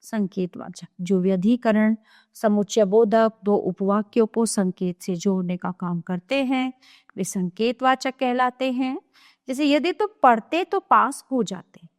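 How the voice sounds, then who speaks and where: Lady teacher reading grammar rules slow and steady for kids, no room sound at all. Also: on the high side, dry recording, clean studio sound. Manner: steady, measured explanation, then example sentences. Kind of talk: reading a grammar lesson aloud.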